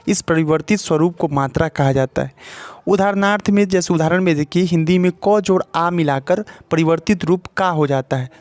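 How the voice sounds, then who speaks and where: A male teacher with a Hindi accent walks the viewer through a spoken English lesson at a board. His voice sits fairly high, and he keeps checking in and asking questions as he explains. The sound is dry and close, with no room echo. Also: a little mellow. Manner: explains step by step, often adds "ठीक है" and asks questions to the viewer.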